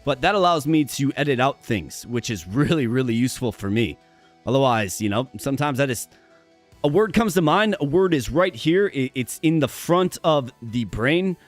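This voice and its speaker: With a mid-range, sing-song voice at a moderate pace, a man streams a game and chats cheerfully with his viewers. His voice is strained and worn, he stutters now and then and repeats words, and soft music plays behind him.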